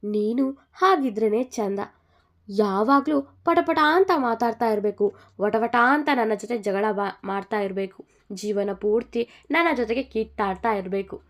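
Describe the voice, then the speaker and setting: A woman's voice: mid-range voice, measured pace, close to an everyday voice. A woman voicing Jagat, a teasing young groom. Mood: tender teasing. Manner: fond teasing, pleading. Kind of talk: storytelling dialogue.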